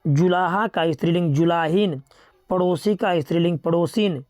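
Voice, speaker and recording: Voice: mid-range voice, moderate pace, no echo, clean studio sound. Methodical teacher reciting word pairs. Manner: steady, methodical listing with repeated reminders to remember. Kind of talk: grammar lesson, reading out word pairs.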